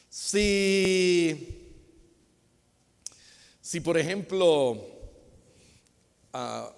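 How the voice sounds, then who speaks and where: A pastor with a notably high voice delivers a lively, unhurried sermon. He acts out little conversations as he preaches, and his voice rings through a hall with a long reverb. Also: gravelly. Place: church hall.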